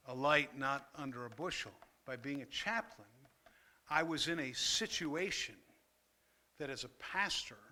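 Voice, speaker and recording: An older man, a pastor and former fire chaplain, telling an earnest story at a church workshop, pausing often and growing emotional at times. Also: medium pitch, sharp tone. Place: church meeting room.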